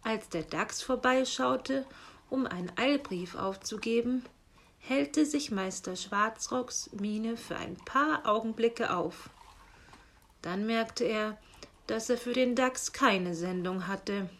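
Slow, bright-voiced woman storyteller. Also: a little high. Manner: calm, unhurried reading. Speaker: narrator. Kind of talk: scripted children's story narration.

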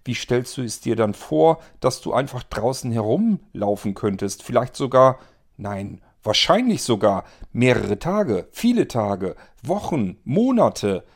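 A man's voice: medium pitch, sing-song, a little slow. A man reading an audiobook, voicing a blunt, skeptical young woman who argues insistently. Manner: arguing, insistent.

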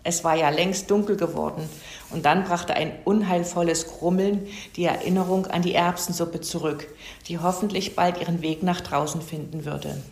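Woman storyteller, lower voice, roomy echo, calm children's story read. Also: moderate pace.

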